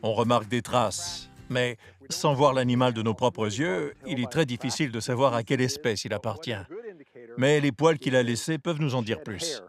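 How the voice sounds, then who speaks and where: A man speaking as a wildlife researcher, giving measured, articulate explanations for a documentary. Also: mid-range voice, faint music behind.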